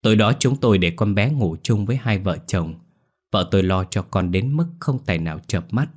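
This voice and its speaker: A man narrating a ghost story in the first person with a tense, scripted delivery and a husky voice. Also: on the low side, animated, a little fast.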